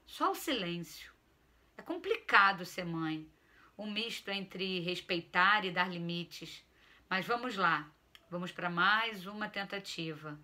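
Woman author reading her story aloud, bright voice, expressive and weary. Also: on the low side, slow. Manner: expressive, weary, first-person narrating.

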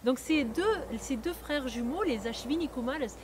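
A woman's voice: high-pitched, animated, normal speed, background noise. A woman with a non-native accent teaching a lesson, patiently explaining with frequent hesitations and restarts. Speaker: Ayurveda teacher.

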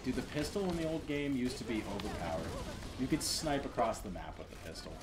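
A man's voice: medium pitch, big pitch swings, fast, noisy background. A young man co-hosting a let's play, rambling and joking crudely while gaming. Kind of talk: casual gaming banter.

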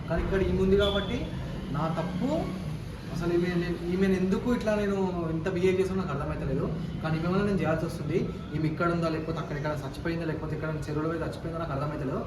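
A young man, a vlogger who pleads and then shouts angrily in a staged family quarrel. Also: fairly high pitch, steady tone, very fast. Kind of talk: staged family confrontation vlog. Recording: noisy, echoey, phone mic from a distance.

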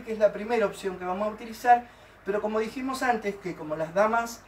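Argentine dance teacher in a roomy space. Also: male voice, high voice, recorded from a distance, a little hiss or hum. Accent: Argentine Spanish. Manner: explains step by step, checks in with questions. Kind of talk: online dance lesson. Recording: roomy, from off the mic. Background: folk guitar music.

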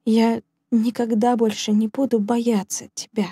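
A woman's voice: on the high side, level tone, a little slow, dark tone, breathy edge, no room sound, studio quality. A woman reading a shy young woman in love. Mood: tender.

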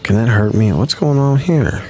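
A man's voice: medium pitch, expressive, moderate pace, dark tone. A man hosting a gaming channel, giving chatty, playful let's-play commentary in a slangy, easygoing way and humming to himself as he plays.

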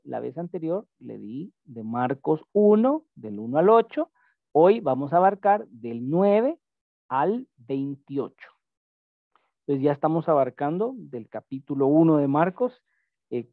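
This man's voice is slightly high and gravelly, with no room sound at all. He gives a Greek lesson online, explaining patiently and frequently making sure his student keeps up, all over thin, phone-like call audio.

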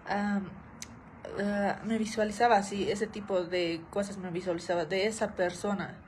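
Young woman, casual vlog storytelling, chatty, repetitive phrasing, mid-pitched voice, faint background hiss. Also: little pitch movement, moderate pace, a little mellow, rough recording. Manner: chatty, repeats phrases, keeps addressing viewers. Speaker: vlogger.

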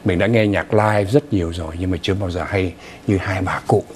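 A man's voice: low-pitched, fairly even intonation, brisk, darkish tone. A middle-aged man hosting a studio news talk show, speaking with many fillers and hesitations.

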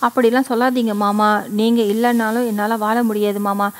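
A woman voicing an anxious young wife who pleads softly with her husband, as in a read-aloud story. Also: a little high, flat delivery, normal speed, close to an everyday voice. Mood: pleading. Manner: pleading, soft-spoken.

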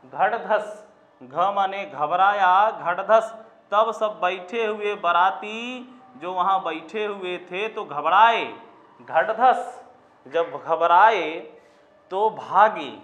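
A man teaches a Sanskrit coaching class for exam prep, using mnemonic stories, chanting the mnemonics in a sing-song, repetitive way and putting rhetorical questions to his students. His voice sits high with a fairly bright tone. The recording is of a roomy classroom and sounds dull and lo-fi.

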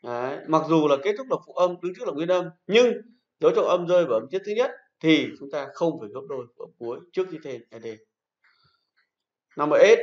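A male teacher talks his class through grammar, slowly restating each rule and praising correct answers. His voice rings around a reverberant classroom. The recording sounds dull and lo-fi. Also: on the high side, lively intonation. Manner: patient, repeats rules and praises pupils. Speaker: English teacher. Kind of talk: classroom lesson. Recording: echoey room, dull lo-fi sound.

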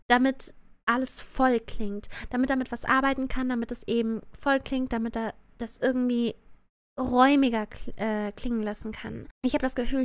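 A woman with a cute anime-streamer delivery, giving animated, opinionated livestream commentary sprinkled with English slang. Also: a little high, dry recording. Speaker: VTuber streamer reviewing a cartoon song dub. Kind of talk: casual reaction commentary on a livestream.

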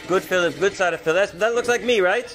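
Recorded on a body-worn or handheld action camera, a middle-aged Canadian man strolls through a bustling village for his travel vlog, chatting casually with locals in short, simple phrases. He speaks quickly in a high voice over crowd and street noise.

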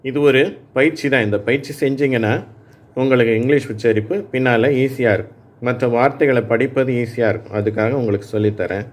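A man teaching English phonics to adult learners, reading words slowly and patiently and pausing so listeners can repeat them. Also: mid-range voice, steady tone. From Tamil Nadu, India. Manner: slow, patient, reads words aloud for repeating. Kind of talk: spoken lesson for adult learners.

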